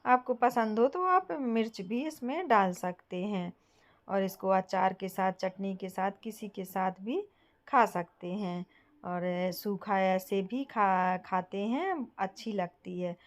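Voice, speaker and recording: A woman's voice: mid-range voice, slow pace. Woman host explaining a home recipe. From Bundelkhand, India. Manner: gentle, explains step by step and addresses viewers. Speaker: home cooking channel host. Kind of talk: casual cooking tutorial.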